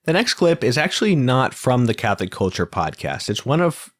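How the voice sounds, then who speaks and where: A man's voice: medium pitch, sing-song, a little fast, no room sound, studio quality. A man hosting a podcast, presenting and discussing in a conversational way. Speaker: podcast host.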